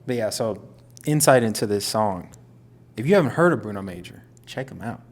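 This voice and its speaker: A man's voice: on the low side, animated, brisk. Dry, teasing young man. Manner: dry teasing, laughs often. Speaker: podcast co-host. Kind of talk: casual couple chat.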